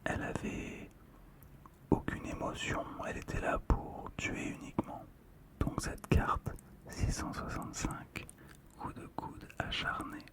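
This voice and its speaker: An ASMR host keeps to a quiet whisper throughout, slowly presenting collectibles and murmuring comments in a hushed, soft voice.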